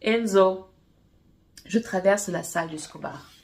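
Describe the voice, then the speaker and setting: A woman author reading her own romance novel aloud in steady first-person narration. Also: on the low side, normal speed.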